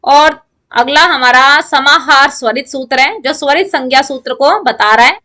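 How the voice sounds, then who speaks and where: A woman's voice: high-pitched, normal speed, pushed and bright. A woman giving an online grammar lecture to students, explaining step by step and answering her own questions. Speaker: Sanskrit grammar teacher.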